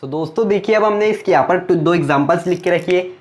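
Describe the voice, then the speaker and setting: A young man with a fairly high voice teaching a grammar lesson at a board. He keeps asking questions and then answers them himself, in a patient and explaining tone. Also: quick pace.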